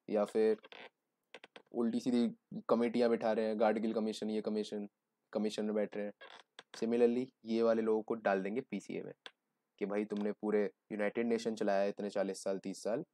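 Low, dark-voiced man teaching casually. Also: level tone, moderate pace. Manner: joking, conversational Hinglish explaining. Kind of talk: exam-prep lecture.

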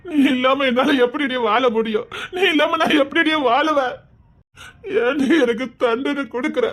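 A man with a Tirunelveli Tamil accent, playing a young husband who pleads and weeps over his beloved in an emotional melodrama. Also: very high voice. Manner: pleading, tearful, sobbing between lines. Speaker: husband in a web serial.

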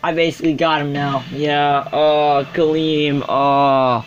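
A young man giving casual, sarcastic commentary over his gameplay, with sudden excited outbursts. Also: on the high side, takes it slowly, lo-fi sound, background noise. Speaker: gaming video host.

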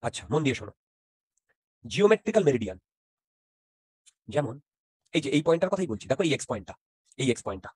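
Bengali-guy teaching physics online, talks quick, keeps asking if u got it, dry close mic. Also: medium pitch, very animated, darkish tone, husky, no room sound. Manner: keeps checking if students follow, mixes in English terms. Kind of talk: interactive online class.

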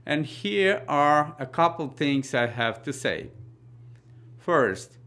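A middle-aged man speaks with a Russian accent at a mid-range pitch. He presents scripted political news commentary. His delivery is very slow and deliberate, read out as a presenter would. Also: a bit bright.

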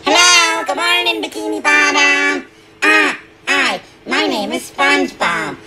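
A woman's voice: sits high, very animated, a little slow, pushed and bright, faint music behind, pitched above the performer's own voice, full character voice. A woman voicing a cheerful young male sea sponge cartoon character, eager and bubbly.

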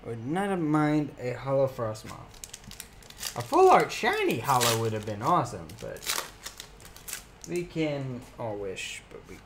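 A man's voice: mid-range voice, wildly swooping pitch, measured pace, long pauses, noisy background. A young man streaming live, reading card names aloud as he opens packs and chatting casually with his viewers.

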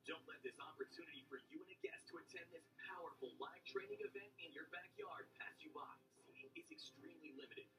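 An infomercial announcer reading scripted advertising narration, heard from a television across a room. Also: medium pitch. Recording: distant TV playback in noisy room.

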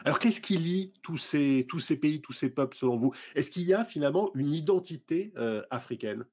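A middle-aged man hosting a TV arts show, putting lively questions to his guests over a video call with many fillers. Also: a little high, moderate pace, husky. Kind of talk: broadcast interview questions.

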